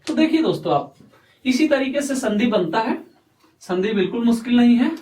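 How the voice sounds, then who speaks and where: A man teaching a lesson, speaking slowly and repeating himself, often asking questions and answering them himself. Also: extremely high pitch, lively intonation, darkish tone. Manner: slow, repetitive, quizzing himself aloud. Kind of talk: explaining a lesson at a board. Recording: echoey room, voice far from mic.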